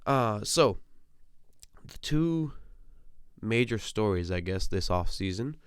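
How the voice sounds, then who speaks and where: A young man hosts a solo sports podcast from a small, compact room, ranting casually and swearing freely while he gets over a cold. His voice sits on the low side with lively intonation and a slow, smooth delivery. The recording is studio quality with no room sound.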